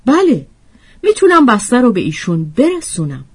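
A woman's voice: on the high side, huge pitch swings, breathy edge, voice pushed up, full character voice. A woman voicing a flustered young man. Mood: casual.

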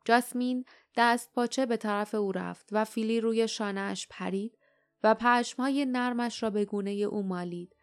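Woman narrating an audiobook in measured tone. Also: a little high, steady tone. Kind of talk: scripted narration.

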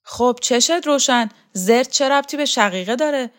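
A woman's voice: sits high, animated, a bit bright, voice pushed up. A woman voicing a bossy older servant woman who mocks and barks orders at a girl in an audiobook. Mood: scolding. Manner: harsh, mocking, barking orders.

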